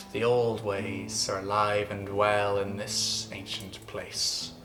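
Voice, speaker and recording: A man's voice: medium pitch, fairly bright tone. An Irish man telling a story in a lilting, theatrical way, as a scripted narration. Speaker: storyteller, host. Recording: roomy echo, music behind.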